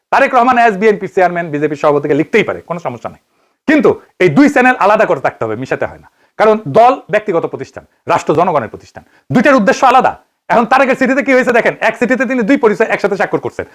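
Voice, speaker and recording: A political commentator with a Bangladeshi Bengali accent delivers an investigative monologue, posing pointed rhetorical questions and answering them himself. His voice is high for a man, his pace rapid, and his pitch swings widely and lively.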